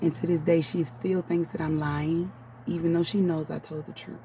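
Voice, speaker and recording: A woman's voice: sits low, flat delivery, normal speed, dark tone, distant mic, slight background noise. A woman in her thirties telling her life story in a casual, heartfelt vlog, holding back tears and often calling her viewers "y'all". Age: 30s. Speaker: spiritual channel host. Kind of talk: personal confessional vlog.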